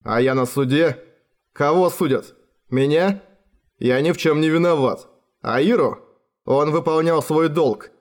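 A man's voice: fairly high pitch, unhurried, long pauses, close to an everyday voice. A man voicing a bewildered young man who answers questions defensively. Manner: flustered, defensive.

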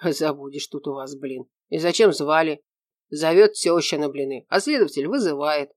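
A gruff, hot-headed man of thirty, as a female reader plays him, blunt and grumbling. The voice sits low and the recording is bone-dry. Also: moderate pace, no room sound.

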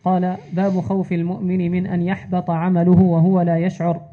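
High, flat-voiced man reading formal text. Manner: measured formal reading, repeats narration formula. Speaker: student reader. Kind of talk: reading classical hadith text aloud. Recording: tinny phone-like sound.

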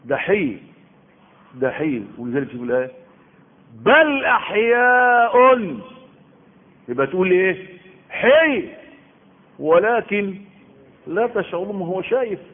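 Through thin, phone-like audio, an Egyptian-accented Islamic preacher comments on the Quran, stressing his points, repeating phrases and posing rhetorical questions. His voice is a little high with a breathy edge.

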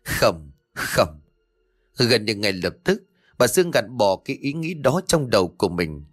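A man narrating a ghost story in a steady, measured storytelling voice. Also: medium pitch, no room sound, studio quality.

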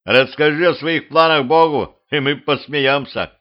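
A man's voice: fairly high pitch, measured pace, muffled recording, voice pushed up, close to an everyday voice. Man doing a wisecracking middle-aged watchman. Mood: wry. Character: wry middle-aged man, cemetery watchman, gruff hero.

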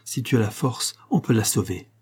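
Guy reading a calm firm dad, low and husky. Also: normal speed. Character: calm, steady father taking charge.

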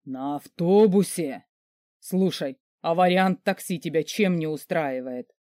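A woman voicing a hulking, short-tempered rich man who yells, snarls and mocks. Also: sits low, a little fast, dry recording, studio quality, close to an everyday voice. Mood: sarcastic. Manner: yelling, sarcastic, snarling. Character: furious rich man, a hulking grumpy boss.

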